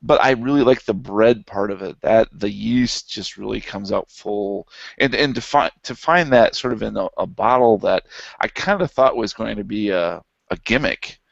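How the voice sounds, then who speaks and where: A man co-hosting a casual beer review show, talking in a relaxed, rambling way with many fillers. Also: fairly low pitch, moderate pace, vocal fry, no echo, muffled recording. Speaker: beer review podcast co-host. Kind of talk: casual beer tasting chat.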